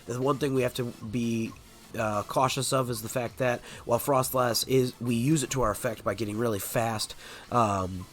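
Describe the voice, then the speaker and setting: A man's voice: mid-range voice, fairly even intonation, normal speed, a little hiss or hum. A man with a stuffed-up nose from a cold, chatting casually as host of a competitive game video, with lots of filler words. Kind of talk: casual gameplay commentary.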